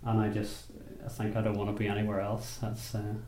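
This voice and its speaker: Northern Irish craftsman, low steady voice, roomy sound with faint ambience; unhurried, thoughtful interview talk. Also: slight background noise. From Belfast, Northern Ireland. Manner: unhurried, thoughtful, with frequent restarts. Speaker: basket maker. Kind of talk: interview monologue. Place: rural workshop or home.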